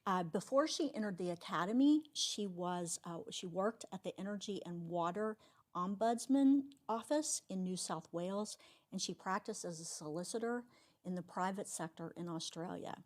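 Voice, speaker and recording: Woman hosting, reading out a guest's credentials all admiring, voice a bit low. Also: animated, moderate pace. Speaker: event host introducing the speaker. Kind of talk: formal speaker introduction. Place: lecture hall.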